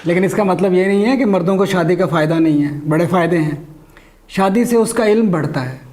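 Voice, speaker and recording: A man's voice: high-pitched, fairly quick, darkish tone. A man, performing a stand-up comedy monologue, delivering his jokes dryly to a laughing audience. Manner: dry joke delivery with an audience laughing along. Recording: noisy recording.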